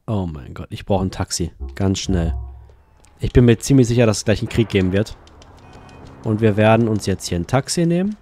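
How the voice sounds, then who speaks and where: A man hosting a let's play, giving casual gameplay commentary in an excitable way, swearing and laughing at the game. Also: fairly low pitch.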